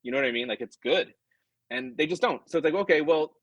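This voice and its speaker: A man's voice: fairly high pitch, animated, fast, a bit bright, dry recording, dull audio. A middle-aged man, a comics writer guest, chatting casually and animatedly, drifting into tangents and acting out quoted customers. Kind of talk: casual chat.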